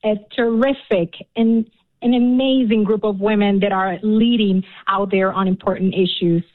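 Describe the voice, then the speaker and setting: A woman's voice: mid-range voice, steady tone, normal speed. A woman from Cuba, a radio show guest, talking earnestly and passionately with many fillers. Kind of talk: radio interview. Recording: tinny phone line.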